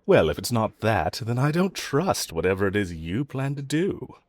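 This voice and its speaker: A man voices an unrepentant villain in an audio roleplay: cocky and flirtatious, mocking the listener with sarcasm and dismissive teasing in a chuckling drawl. His pitch is fairly low with big swings, his pace moderate, and the recording is dry.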